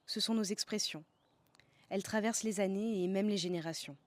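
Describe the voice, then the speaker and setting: A woman's voice: mid-range voice, brisk, no room sound. A woman from the south of France, narrating a scripted podcast as host in a playful way, savouring slang words.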